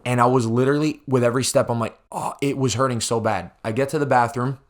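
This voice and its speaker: A young adult man speaks as a podcast host in a medium-pitched voice. He recounts things in a casual, exaggerated way and swears often, as if talking to friends. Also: steady tone, fast. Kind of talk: casual storytelling to listeners.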